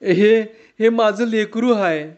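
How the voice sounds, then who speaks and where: A frightened young village woman begs in a high, tearful voice, played by a male storyteller. The sound is dull and lo-fi, and her tone sits well above the narrator's own. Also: takes it slowly, a little mellow, close to an everyday voice. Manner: tearful, pleading. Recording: dull lo-fi recording.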